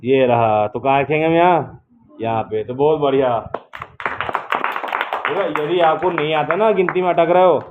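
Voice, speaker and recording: A man's voice: a little high, moderate pace. A male primary school teacher leading a classroom math lesson with young children, patient and coaxing, often checking that they understand. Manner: patient, coaxing, asks many check questions. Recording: tinny phone-like classroom recording with faint noise.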